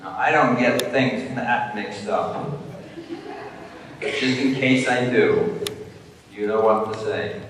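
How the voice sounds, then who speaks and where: A man, a deacon, retelling a gospel story for children in a slow, mock-confused way. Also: medium pitch, noisy background. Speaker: deacon giving a homily. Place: church during Mass. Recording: distant voice in an echoey church.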